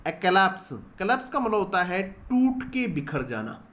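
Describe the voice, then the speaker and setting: A man's voice: high-pitched, very animated, slow, a bit bright. A man teaching English grammar in a lesson. He explains step by step, asks questions and answers them himself, and spells words out letter by letter. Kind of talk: classroom-style grammar lesson.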